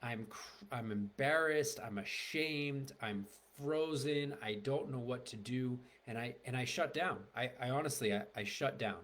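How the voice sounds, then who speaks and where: A man's voice: mid-range voice, a little slow, hardly any pauses, a bit bright. Middle-aged guy, a therapist, just talking to camera about his own story, lots of "like" and false starts. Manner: candid, rambling with many "like" fillers and restarts. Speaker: marriage and family therapist.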